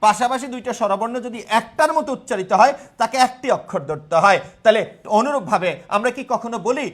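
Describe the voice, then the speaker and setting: A man's voice: extremely high pitch, fast, fairly bright tone. A young man teaching grammar in a live online class, repeating terms and quizzing his students.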